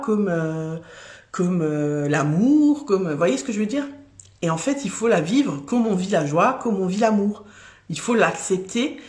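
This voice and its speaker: A woman who has children, reading tarot cards on a live stream in a chatty, casual way, with many fillers and restarts. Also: fairly low pitch. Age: adult with children. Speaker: tarot card reader.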